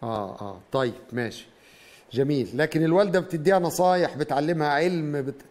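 A man's voice: on the high side, fast talker, darkish tone. A middle-aged man with an Egyptian accent, hosting a call-in show in a conversational, questioning way. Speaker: TV call-in host interpreting dreams. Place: TV studio.

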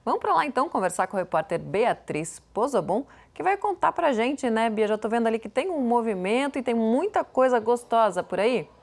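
A woman news anchor in the studio, bright and conversational, introducing a live report. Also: a little high, animated, fairly quick, few pauses.

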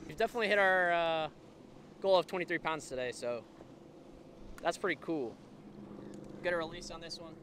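Young man, casual fishing vlog, slightly high voice, chatty, outdoor camera mic, light wind noise. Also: moderate pace, pauses often. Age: 20s. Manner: loose and chatty, addresses viewers as folks. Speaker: fishing vlogger. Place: outdoors on a bass boat on a lake. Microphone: camera mounted on the boat, close framing.

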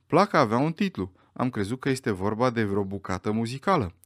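A man reading an audiobook voices a frightened butler who anxiously protests his innocence, his voice pushed higher than his narration. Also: sing-song, darkish tone, dry recording, studio quality, lightly acted. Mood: desperate. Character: frightened middle-aged male butler, pleading.

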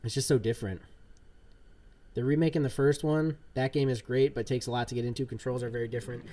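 A man in his thirties chats casually on a livestream from his home gaming room while he plays. His medium-pitched voice is steady and dark, and he talks fast, rambling in a laid-back way with plenty of fillers.

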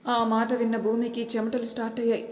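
A woman reading a romance story aloud as an audiobook narrator, in a steady storytelling manner. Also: on the high side, fast. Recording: echoey room with long reverb.

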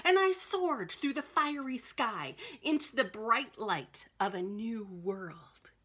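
A woman voicing an old male rock in a storybook, calm and gently boastful. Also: a little high, takes it slowly, slightly rough, full character voice. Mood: proud.

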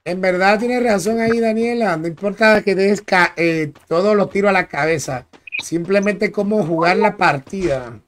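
Male gaming streamer, high voice, slangy and casual, shout-outs to viewers, noisy recording. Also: moderate pace. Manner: chatty, greets viewers by name, slangy. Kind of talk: casual live-stream chat while gaming. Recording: clear background noise with clicks.

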